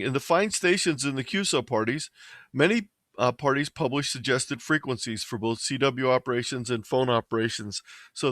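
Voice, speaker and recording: Presenting an amateur radio tutorial slideshow, an American man from Ohio explains things in a plain, methodical way. His voice is mid-range and fairly bright. It's recorded close and dry.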